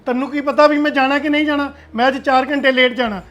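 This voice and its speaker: A man's voice: very high voice, steady tone, quick pace, a bit bright. A Punjabi-accented man playing a stern elder brother who settles a family quarrel. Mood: lecturing. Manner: stern, lecturing. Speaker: elder brother, head of household.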